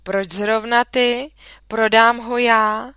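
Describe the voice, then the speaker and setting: A woman's voice: fairly high pitch, fairly even intonation, bright, forceful tone, smooth, dry recording. A woman doing a taunting schoolboy. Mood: needling.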